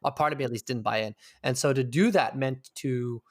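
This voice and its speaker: This interview guest has a mid-range voice and talks a little fast, captured in clean studio sound without any room echo. He muses in a searching, thoughtful way during the conversation and occasionally swears offhandedly.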